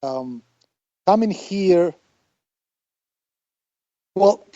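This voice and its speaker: A man's voice: sits high, animated, very slow, dark tone, no echo. A man from Siberia with a Russian accent, telling stories casually as an interview guest, often searching for words. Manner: hesitant phrasing, searching for words. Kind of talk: casual conversational storytelling. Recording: muffled, band-limited online call audio.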